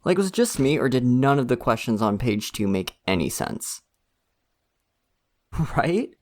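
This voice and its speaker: A young man's medium-pitched, sing-song voice moves a little slowly as he plays a friendly, slightly shy college student in ASMR roleplay. The mood is easygoing and chatty; he speaks casually and softly, laughing frequently.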